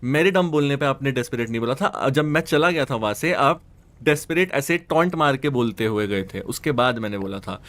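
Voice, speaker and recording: A man's voice: medium pitch, animated, a little fast, fairly bright tone. Defensive man arguing point by point. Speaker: roleplay player in a dispute. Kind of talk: heated in-character argument.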